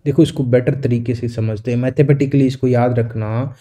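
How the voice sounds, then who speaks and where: A man teaching an exam-prep lecture, explaining in Hindi and reading definitions slowly in English. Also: mid-range voice, steady tone, warm tone.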